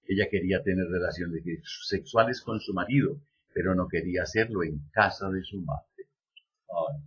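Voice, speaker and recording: A man giving a lecture, reading a text aloud at an even pace and adding slow joking asides. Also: low voice, slightly rough, muffled recording. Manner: reads steadily, then drops in slow joking asides. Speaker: lecturer on biodecoding.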